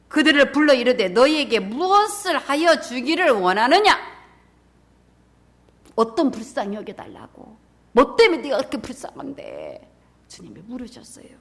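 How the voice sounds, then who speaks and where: A woman's voice: fairly high pitch, gravelly. Woman pastor preaching in dramatic bursts. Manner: dramatic, swings from loud cries to whispers, acts out voices in scripture scenes. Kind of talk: sermon. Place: church sanctuary.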